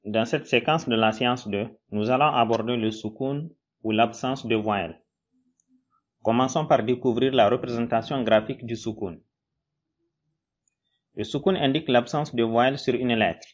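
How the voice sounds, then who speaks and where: A man teaching in a recorded lesson, slow and patient, spelling out syllables one by one. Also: medium pitch, muffled recording. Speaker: Quran reading teacher.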